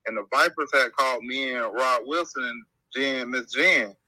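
A young man heard through a phone on speakerphone, held up to a microphone. His voice is sharp and very bright, with a dry sound. He rambles casually through his story, linking each event with "and then after that.". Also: medium pitch, normal speed, no room sound. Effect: phone call played over speakerphone held to the mic. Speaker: guest football player.

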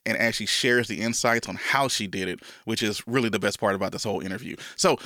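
Lowish and quick, the podcast host's voice is pushed and bright, recorded at studio quality with no echo. He's a little congested with a cold, rambling eagerly with restarts through a casual intro and interview.

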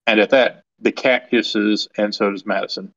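A gravelly-voiced man narrating a tabletop game as game master, at an ordinary pitch. He rambles along with lots of ums and restarts. The recording has a slightly dull, lo-fi sound. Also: steady tone, a little slow, fairly bright tone.

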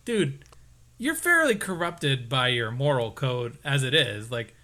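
Male podcast co-host, casual episode recap, lively, playful asides, chuckles, mid-pitched voice. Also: unhurried.

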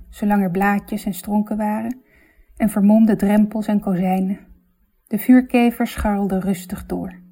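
A woman narrating a literary story in a reflective, measured, intimate way. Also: mid-range voice, mellow.

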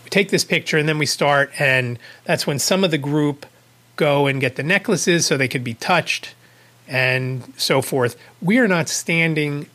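A man's voice: on the high side, unhurried, bright, forceful tone. A man hosting his own podcast, telling a story in a casual, rambling way, correcting himself and chuckling at his own asides. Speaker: podcast host.

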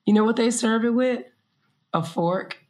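A woman's voice: a little high, normal speed. A woman from Chicago in casual chat, telling funny stories and acting out the people in them. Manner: animated storyteller, acts out quoted voices. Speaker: guest. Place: abroad, living in Thailand.

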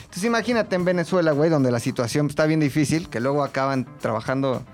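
A man's voice: a little high, expressive, quick pace, soft background music. A Mexican man chatting casually on a podcast, telling a story in heavy slang. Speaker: podcast host. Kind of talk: casual chat.

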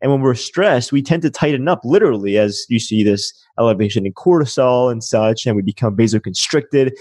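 A man's voice: medium pitch, animated, a little fast, a little mellow, dry recording. A man hosting an interview podcast, asking reflective questions about the voice and building on the guest's points. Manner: thoughtful, asks reflective questions. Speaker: podcast host. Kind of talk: interview conversation.

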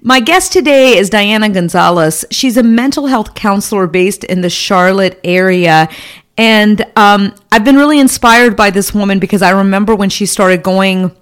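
A woman hosting her own interview podcast, with a voice of middle pitch. She asks her questions in a friendly, enthusiastic way. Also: moderate pace, smooth. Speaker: podcast host.

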